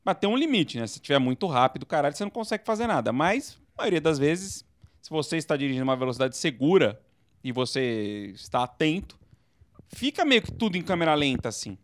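A man from Brazil co-hosting a casual late-night chat show, telling animated stories and bursting into movie-style screams. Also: a little high, brisk, no room sound. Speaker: podcast co-host.

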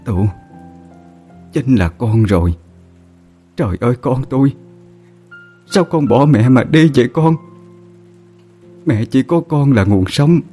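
Male narrator as a frail old mother, weeping lament, raised pitch. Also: animated, slow pace, long pauses, mellow, slightly rough, soft background music.

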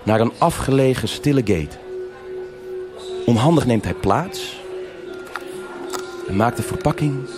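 Music plays under this live noir radio drama as a man narrates in the role of the serial's investigating officer. His natural mid-range voice has lively intonation, and his storytelling is measured, with long pauses.

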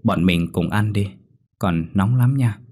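A man voicing a curious, quick-talking little village girl. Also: fairly low pitch, a little mellow. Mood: eager.

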